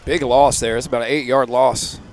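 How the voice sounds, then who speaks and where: A man's voice: medium pitch, fairly even intonation, a little fast, a little hiss or hum. Chatty male color commentator. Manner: chatty, many restarts and "you know"s. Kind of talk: casual game commentary.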